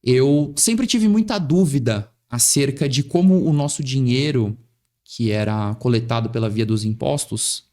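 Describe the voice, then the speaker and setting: A tax lawyer from São Paulo, Brazil, appears as a guest in a podcast interview, speaking São Paulo Portuguese in an articulate, witty, and rhetorical way, often tagging "né". His mid-range voice is a little slow and dark in tone.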